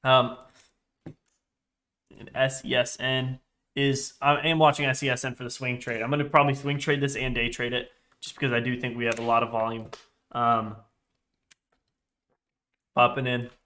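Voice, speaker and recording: On his live trading stream, a young man reads chat aloud and rambles, often correcting himself. He sounds congested and stuffy, with a mid-range, bright and forceful voice, flat delivery, a moderate pace and frequent pauses.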